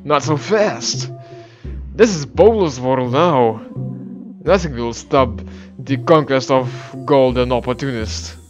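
A man's voice: medium pitch, slow pace, highs cut off, faint music behind, close to an everyday voice. A man voicing a grandiose, threatening male gang boss. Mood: menacing.

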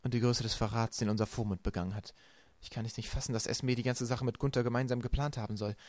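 A man's voice: medium pitch, fairly even intonation, fast, darkish tone, no echo, natural voice. A man reading an audiobook aloud and voicing a bookish teenage boy, subdued and thoughtful.

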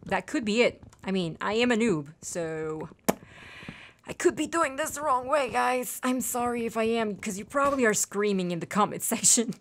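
With a fairly high, expressive voice at normal speed, a Spanish-speaking gaming host chats casually as she plays, over slight background noise. She talks to her audience and even to in-game animals and trees, apologizing often.

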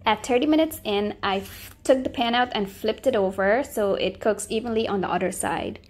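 Cooking host, female, mid-pitched, friendly step-by-step voice-over narration. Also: moderate pace.

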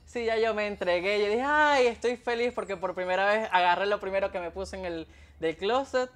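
A Venezuelan man hosts a casual interview from a room at home, speaking through a headset mic. His voice is high-pitched and fairly bright, a little fast, and his manner is chatty and playful.

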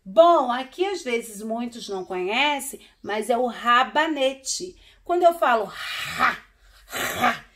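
A woman teacher speaks slowly to small children, breaking each word into syllables. Her voice is bright and a little high, and she keeps checking in with gentle "tá?" and "né?" tags. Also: animated. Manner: slow, syllable-by-syllable sounding out of words; patient, coaxing with frequent "tá?" and "né?". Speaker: primary school teacher. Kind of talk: online literacy lesson for young children.

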